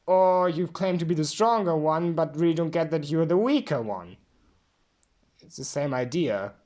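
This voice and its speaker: A woman's voice: low voice, lively intonation, normal speed, dark tone. A woman giving a drunk, rambling philosophical monologue, emphatic and repeating herself.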